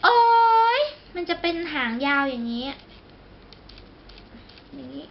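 A woman's voice: high-pitched, slow, gravelly. A young woman doing a casual makeup tutorial, chatty and exclamatory, joking at her own expense and talking straight to her viewers. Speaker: beauty vlogger. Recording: slightly dull recording with faint background noise.

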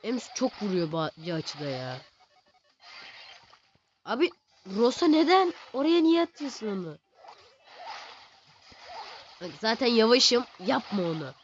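A male gaming host giving casual, excitable commentary while he plays, teasing the game characters and chanting words over and over. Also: extremely high pitch, a little slow, pauses often, slight background noise. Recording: slightly dull lo-fi recording.

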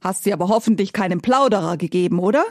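A woman doing a scolding, sharp farmer's wife. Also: medium pitch, quick pace, no echo, clean studio sound, lightly acted. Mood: probing.

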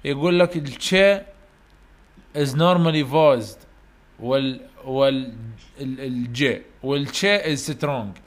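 Iraqi man teaching a phonetics lecture. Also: medium pitch. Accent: Iraqi Arabic. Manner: explains in Arabic, reads English questions slowly and carefully; asks students questions and answers them himself. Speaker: university English teacher. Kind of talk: online lecture.

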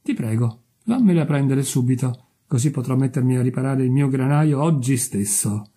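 A man's voice: mid-range voice, lively intonation, normal speed, dark tone, slightly rough. A man voicing a selfish miller who talks in a pompous, self-righteous way. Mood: smug.

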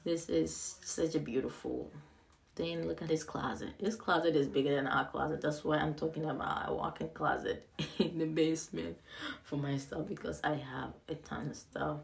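A young adult woman casually narrating a tour of an empty house, excited and rambling, repeating words, filmed on a handheld phone indoors. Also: low voice, normal speed, gravelly. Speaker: vlogger giving a house tour. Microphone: handheld phone camera, filming.

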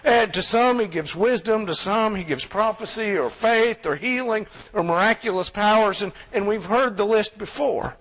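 A man's voice: sits high, moderate pace, few pauses, fairly bright tone. A man preaching a sermon as pastor, conversational and joking, with asides to the congregation. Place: church sanctuary. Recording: long church reverb.

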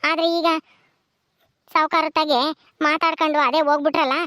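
A woman's voice: sits high, steady tone, normal speed, sharp tone, no room sound, clean studio sound. A woman voicing a mild, respectful woman in a cartoon, explaining earnestly.

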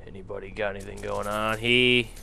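A man's voice: fairly low pitch, fairly even intonation, a little fast, creaky, sharp tone, slight background noise. Goofy young man narrating his gameplay. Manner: goofy, jokey, mutters menus aloud, bursts into silly voices. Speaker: gameplay commentator. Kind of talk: casual game commentary.

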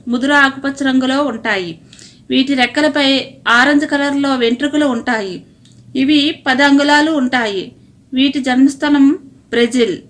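A woman with a high, light voice reads an informational voice-over. She speaks in short, plain sentences, stepping through one item after another at an even, steady rate. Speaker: narrator.

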